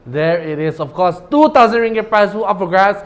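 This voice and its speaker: A man's voice: sits high, animated, brisk. A Malaysian man with a Malaysian accent casting an esports tournament in casual banter, with colloquial particles like "lah". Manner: colloquial, uses 'lah' particles.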